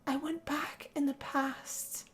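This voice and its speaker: Taking her time, a woman with a high voice and flat delivery plays a tired young heroine in love, telling the role-play story from her own perspective. Music runs beneath her dramatic, breathy sighs.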